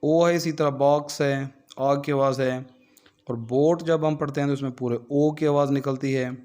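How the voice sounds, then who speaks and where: Man calmly explaining a textbook. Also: medium pitch, moderate pace. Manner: methodical, steady explaining with worked examples. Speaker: teacher trainer. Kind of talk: lecture walking through a textbook.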